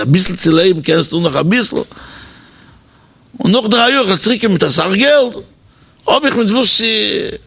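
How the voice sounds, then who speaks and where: Man, high gravelly voice, animated sermon storyteller with a hesitant, repeating delivery. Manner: animated storytelling, changing pitch for the people in the story; hesitant, with repeated words and fillers.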